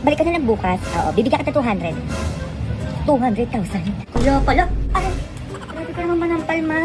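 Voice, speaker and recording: A woman in comic family skits, talking in a quick, scolding, exasperated way. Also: high voice, lively intonation. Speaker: comedy skit creator. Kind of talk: comic skits playing several family roles. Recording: skit clip with loud music behind.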